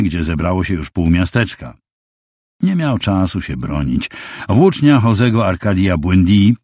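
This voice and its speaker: A man reading a novel aloud as an audiobook narrator, measured and expressive storytelling on a close mic. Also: sits low, dry recording. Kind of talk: scripted literary narration.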